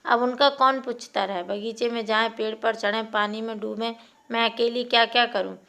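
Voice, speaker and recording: A woman voicing an older village aunt who is proud and hurt, giving sharp, resigned retorts. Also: on the high side, fairly even intonation, moderate pace, gravelly. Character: Panna, widowed aunt, proud and wounded.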